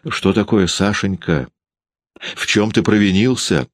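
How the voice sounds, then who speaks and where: A man's voice: fairly low pitch, a little slow, dry recording, clean studio sound, pitched above the performer's own voice, natural voice. A man voicing a timid, fretful older landlady. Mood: anxious. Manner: anxious, fretful.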